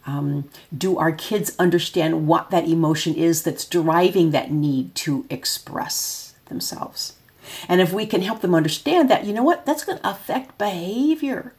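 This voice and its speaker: Thoughtful middle-aged woman, lower voice. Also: darkish tone. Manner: thoughtful, explains step by step with many restarts. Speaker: parent of a child with developmental delay. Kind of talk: casual explanatory talk.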